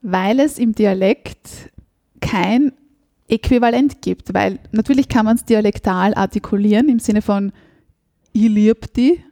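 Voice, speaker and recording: A woman hosting an interview, asking her guest questions in a measured, articulate way. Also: medium pitch, warm tone, no room sound. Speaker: interview host.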